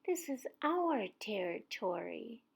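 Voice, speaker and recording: Mean killer bees from a storybook jeer and taunt in a slow, mocking voice. A woman does the voice while reading. Their words come out cruel and drawn out. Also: fairly high pitch, big pitch swings, gravelly, slightly rough, voice pushed up, full character voice. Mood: sneering. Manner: sneering, taunting.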